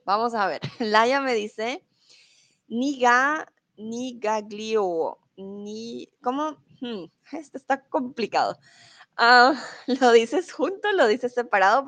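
Lady spanish teacher chatting on a stream, slow and unhurried, laughs a lot reading comments. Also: mid-range voice, a bit bright. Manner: reads viewer comments aloud, laughs often, tries foreign words hesitantly. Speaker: Spanish teacher hosting a livestream. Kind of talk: casual livestream chat with viewers.

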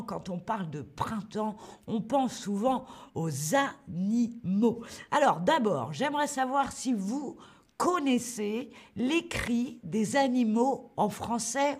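A woman hosting a livestream lesson for French learners, speaking slowly and clearly and greeting viewers by name. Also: fairly high pitch, a little mellow. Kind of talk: live online language lesson.

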